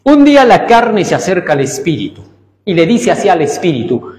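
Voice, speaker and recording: A man preaching a sermon with emphatic swings in pitch and loudness, asking rhetorical questions. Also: big pitch swings, brisk. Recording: echoey church hall reverb.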